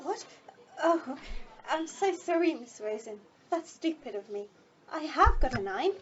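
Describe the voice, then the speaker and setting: In an amateur audio play, a woman portrays a wealthy young married lady in a high voice, sounding proper and imperious with an anxious edge. She is animated yet unhurried and polite in mood, though the audio comes across slightly dull and muffled.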